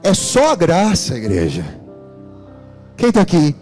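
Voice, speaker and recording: A man's voice: a little high, huge pitch swings, unhurried, darkish tone, soft background music. A man with a Brazilian Portuguese accent preaching a sermon in church, telling stories and calling out to the congregation. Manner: storytelling, calls out to the congregation. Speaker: pastor.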